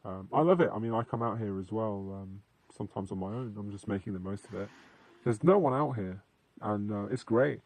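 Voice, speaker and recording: Young British male podcaster, lowish voice, dry open-air sound, rambling, sweary, wry. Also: brisk, a little mellow, dry recording. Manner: dry humour, sweary, slangy. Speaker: podcast host. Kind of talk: casual rambling chat. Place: outdoors in a field at night.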